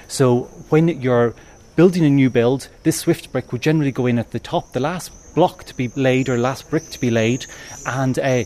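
A man's voice: medium pitch, moderate pace, a little mellow. A man with an Irish accent, a conservation project manager, explaining things informally in an interview. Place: public atrium at an exhibition.

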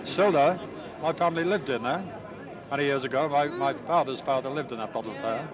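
An older man, born in Ireland and raised in England, telling an interviewer about his wartime past in a plain, unhurried way with small hesitations. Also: mid-range voice. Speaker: war veteran interviewee. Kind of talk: recalling memories in an interview. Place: outdoors at a busy city gathering. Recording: distant mic, crowd noise behind.

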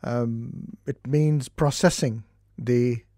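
Indian-accented man with a gravelly voice. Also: mid-range voice, fairly even intonation, dark tone, no room sound, clean studio sound. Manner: measured, explanatory, with hesitations. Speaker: doctor and therapist. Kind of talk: studio interview.

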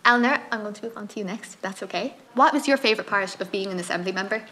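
A woman's voice: medium pitch, rapid-fire, bright, forceful tone. A young woman with an Irish accent speaking earnestly and formally, as in a prepared speech or when moderating a panel. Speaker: youth advisor introducing and questioning young speakers.

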